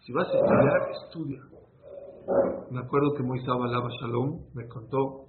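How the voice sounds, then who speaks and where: A man's voice: mid-range voice, normal speed. A man leads an informal religious lesson in a conversational storytelling manner. He stops now and then to answer listeners, then picks his point back up. The recording is thin and phone-like, with faint noise behind him. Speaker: rabbi teaching a class.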